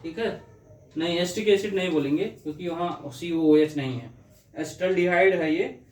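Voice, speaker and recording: Recorded from afar in an echoey room, a high-voiced man teaches organic chemistry at normal speed. He works through the reactions one step at a time and poses questions to himself as he explains.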